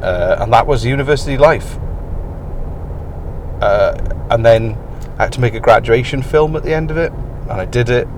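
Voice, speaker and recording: This podcast host records alone in his car on his commute, rambling along with dry jokes at his own expense. He's an adult past university age, with a croaky morning voice in the mid range, speaking at a moderate pace, while road and car noise run underneath.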